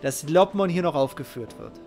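A middle-aged man streams himself playing a game, chatting casually but with real emphasis and feeling, often repeating what he says. His voice is fairly high and a bit dark in tone, moving at a moderate pace. He's at a home streaming setup indoors, speaking into a close headset mic, with game music playing behind him.

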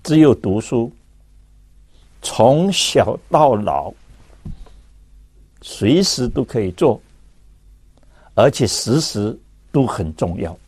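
A man giving a measured lecture, making his points through rhetorical questions. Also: mid-range voice, big pitch swings, darkish tone, slightly rough, no echo. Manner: deliberate, asks rhetorical questions.

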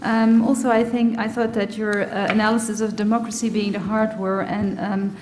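A woman moderating a panel, speaking hesitantly with frequent pauses. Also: medium pitch, flat delivery. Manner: hesitant, many fillers. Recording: long hall reverb and clear background noise.

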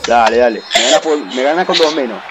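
A man's voice: mid-range voice, animated, quick pace, noisy background. A young man with an Argentine Rioplatense accent, playing a football video game and teasing and mocking his opponent with plenty of swearing. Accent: Argentine Rioplatense Spanish. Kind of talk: trash-talking gameplay chat.

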